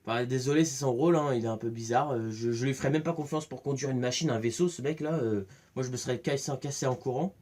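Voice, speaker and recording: A talkative man giving a casual, rambling spoken review, excitable and full of restarts. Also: mid-range voice, fast, few pauses. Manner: chatty, rambling, many restarts and fillers; excitable, acts out scenes with voices. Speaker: film and series reviewer.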